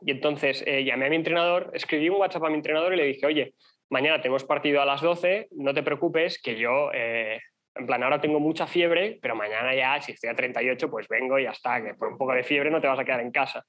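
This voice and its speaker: Young male speaker, quick and conversational, filler-heavy storytelling, mid pitch. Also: highs cut off. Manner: fast, chatty, many fillers. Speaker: conference speaker. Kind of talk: personal story told to an audience.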